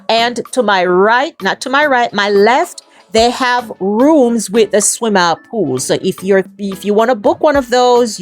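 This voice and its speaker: Jamaican lady vlogging, chatty, calls everyone guys, middle-aged, soft music behind. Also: medium pitch. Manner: chatty, addresses viewers as guys. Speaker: travel vlogger. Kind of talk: casual travel vlog narration.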